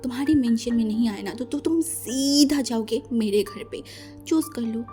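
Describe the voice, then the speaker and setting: Woman playing a scheming young husband, soft slow menace, mellow voice, story reading. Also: on the high side, faint music behind, lightly acted. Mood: menacing. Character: calm scheming young husband making threats.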